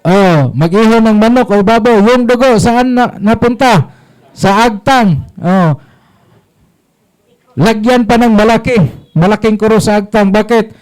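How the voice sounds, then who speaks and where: Slow priest quizzing his flock. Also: sits high, darkish tone, poor audio. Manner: rhetorical questions, short call-and-response phrases. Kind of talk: catechism talk to a congregation.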